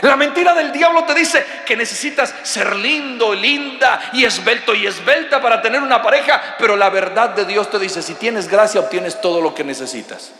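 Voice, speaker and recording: A man preaching a sermon, animated, sometimes shouting and joking with the congregation. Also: high-pitched, normal speed, hardly any pauses. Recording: echoey hall with long reverb.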